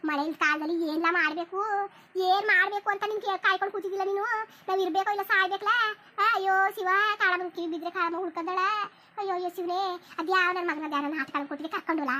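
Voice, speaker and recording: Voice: extremely high pitch, fairly even intonation, very fast, bright, forceful tone, slight background noise. A cartoon voice of an elderly village mother, lamenting and scolding her son over and over. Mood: wailing. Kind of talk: cartoon voice acting.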